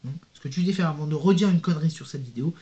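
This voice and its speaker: A casual vlog finds a young YouTuber reading viewers' comments out loud and replying in a slangy, meandering way to the camera. His voice is warm and a little high, and he talks very fast. The sound is dull and lo-fi.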